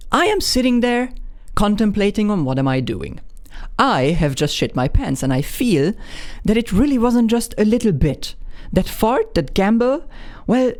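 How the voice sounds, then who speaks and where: A man's voice: sits high, darkish tone. Hungarian guy in his 20s telling an embarrassing story, voice bounces around a lot, keeps restarting, pokes fun at himself. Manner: candid, self-mocking, frequent restarts. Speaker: vlogger. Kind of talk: personal storytelling.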